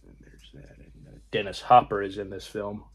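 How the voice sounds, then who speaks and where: A man hosting his own film channel, casually showing his disc collection in halting, rambling talk with frequent pauses. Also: lowish voice, little pitch movement, slightly rough. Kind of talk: casual video collection review.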